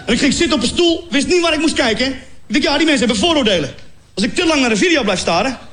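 A man's voice: very high voice, expressive, rapid-fire, noisy background. A man from Morocco telling a stand-up comedy story, acting out scenes with sound effects and mock voices.

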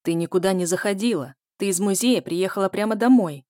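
A woman reading a novel aloud, voicing a scarred male killer who speaks quietly with a hiss, like a snake. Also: mid-range voice, a little fast, no echo, clean studio sound, lightly acted. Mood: irritated. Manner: quiet hissing menace. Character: scarred man, cold cruel killer.

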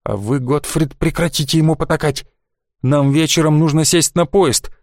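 A man reading an audiobook, voicing an anxious, sharp-tongued young woman who scolds and hisses, in a dry recording. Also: deep voice, normal speed, no room sound. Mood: indignant. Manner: scolding, hissing.

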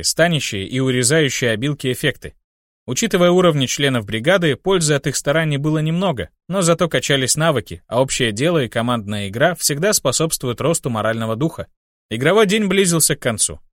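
Male audiobook narrator, steady first-person read, dry close sound. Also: on the high side, no echo.

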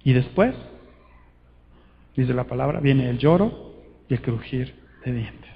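A man preaching a sermon to a conference, urgent and fervent, swinging between loud appeals and hushed words. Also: medium pitch, animated, slow pace, vocal fry, muffled recording, a little hiss or hum.

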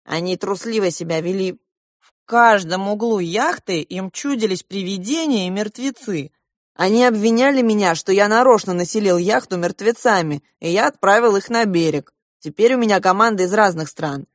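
A woman voicing a loud, excitable middle-aged rich man who owns a yacht, reading an audiobook. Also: medium pitch, moderate pace, no room sound, studio quality, natural voice. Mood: excited. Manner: loud, exclamatory, bossy. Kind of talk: audiobook character voice.

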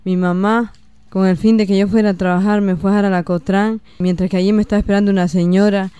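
A young Nicaraguan woman of eighteen speaks haltingly, stopping and restarting often. Her voice stays flat and dark, very smooth and clear. The sound is dry and close. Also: medium pitch, no room sound. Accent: Nicaraguan Spanish. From Matagalpa, Nicaragua. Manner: halting, many fillers and restarts. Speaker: interviewee. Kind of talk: personal testimony.

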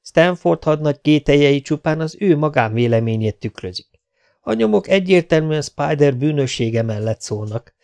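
A man's voice: a little high, lively intonation, creaky, a little mellow, dry recording, voice pushed up. A man reading an audiobook, voicing a fawning male official in a raised, wheedling voice. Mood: ingratiating. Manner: ingratiating, wheedling.

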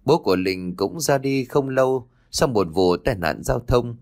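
A man's voice: mid-range voice, lively intonation, a little slow, a little mellow. A man narrating a scripted horror story with dramatic storytelling.

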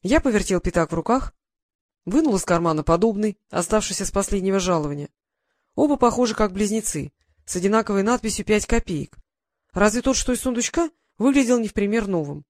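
A man's voice: sits high, expressive, fast talker, dry recording. Man narrating a story in a dry room. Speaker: audiobook narrator. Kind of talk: first-person scripted narration.

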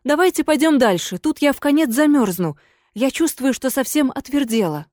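A woman voicing a shrill pleading ghost lady. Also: lively intonation, moderate pace, a little mellow, no room sound, clean studio sound, close to an everyday voice. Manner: shrill and imploring. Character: pleading ghost lady of a manor, haughty then desperate. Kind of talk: audiobook character voice.

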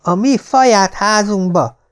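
A man voicing a small child who lisps through missing front teeth, speaking slowly and whiny. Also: high-pitched, clean tone, voice pushed up, natural voice. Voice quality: lisping. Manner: drawn-out, whiny. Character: small lisping sobbing child.

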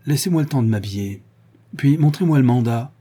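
A man's voice: mid-range voice, lively intonation, a little fast, mellow, slightly rough, voice pushed up. A man voicing an irritable, defensive male head of a private school who speaks in a snappish, indignant way in an audiobook.

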